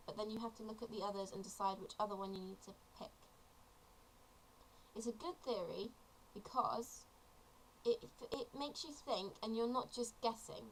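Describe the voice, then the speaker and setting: A woman's voice: a little high, a little hiss or hum, rough recording. Chatty seventeen-year-old girl explaining things. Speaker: vlogger. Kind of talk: casual tutorial vlog.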